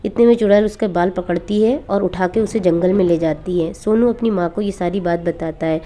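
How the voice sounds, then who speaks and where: Woman storyteller, cartoon horror narration, low pitch, dark mellow tone. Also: fairly quick.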